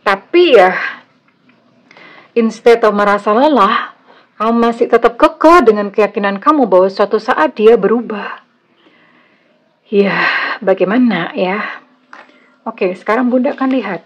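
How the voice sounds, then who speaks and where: A woman with an Indonesian accent gives a casual tarot reading straight to her viewer. She talks in a chatty, blunt way at a middling pitch and slips English phrases into her sentences. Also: unhurried, long pauses. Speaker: tarot reader.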